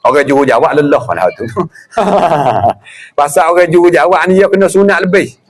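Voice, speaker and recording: A middle-aged man with a Patani Malay accent giving a lively religious lecture, acting out greetings and chuckling often. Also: on the high side, normal speed. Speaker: religious teacher.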